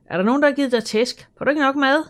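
An audiobook narrator voicing a bold, streetwise girl in her early teens who talks lively and unashamed. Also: sits high, pitched above the performer's own voice, lightly acted. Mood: prying. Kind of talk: audiobook character voice.

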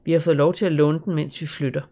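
A narrator voicing a gentle, caring middle-aged father in an audiobook, speaking earnestly and reassuringly. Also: a little high, little pitch movement. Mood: friendly. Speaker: audiobook character.

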